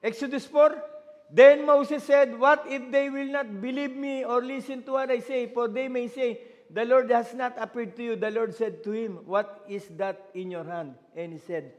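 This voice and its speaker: A Filipino man preaching a sermon as pastor, searching aloud for words and rising to shouted declarations. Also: extremely high pitch. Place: church hall. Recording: long church hall reverb.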